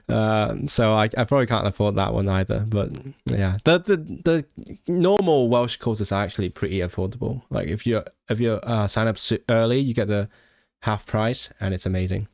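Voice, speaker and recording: A young adult man from Hong Kong with a mixed British English accent hosts a relaxed language-channel livestream and reads viewer comments. He's a language learner and student who is hesitant and self-deprecating, with many restarts and fillers. His voice is on the low side with vocal fry and normal speed, in a dry, studio-quality recording.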